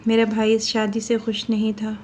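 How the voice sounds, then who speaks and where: A woman narrating a dramatic first-person story in a steady, scripted storytelling manner. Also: fairly high pitch, a little hiss or hum.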